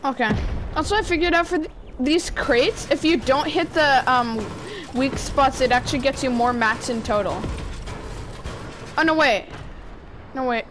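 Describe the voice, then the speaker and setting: Woman gaming and chatting, high voice, slow easy pace, faint noise behind. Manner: chatty, restarts often, bursts into shouting. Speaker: gamer. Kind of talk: casual gameplay chat.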